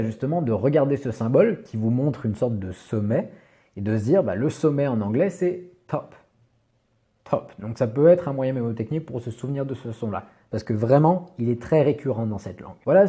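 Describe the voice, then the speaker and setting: Guy teaching pronunciation, super mellow dark voice, patient, lots of little fillers. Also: medium pitch. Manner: patient, slow, with many "bah" fillers. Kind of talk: explanatory video lesson.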